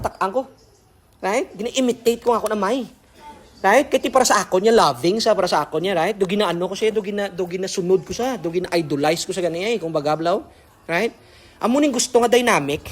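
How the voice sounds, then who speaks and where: A man's voice: high voice, brisk. A young man preaching a devotional sermon, switching between languages and often asking his listeners if they follow. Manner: code-switching, keeps checking in with listeners.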